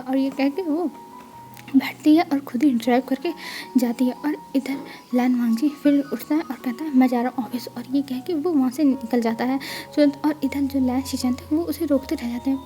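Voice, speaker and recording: A woman's voice: sits high, normal speed, mellow, soft background music. A woman casually retelling a fan fiction story as the channel's host.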